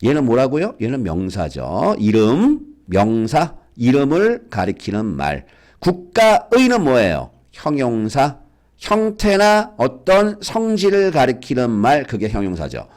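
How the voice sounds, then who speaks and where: A man's voice: mid-range voice, a little slow. A man teaching a basic English reading lesson to schoolchildren, coaxing them along with frequent questions. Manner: lively, coaxing, asks students questions. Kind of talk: lecture for school kids.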